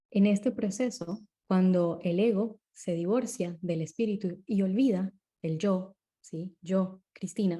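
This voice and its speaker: A woman with a mellow, warm voice, talking as a guest in an interview. She explains things calmly and steadily, pausing now and then to check that the listener is following. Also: lowish voice. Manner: calm and explanatory, often checks in with tag questions.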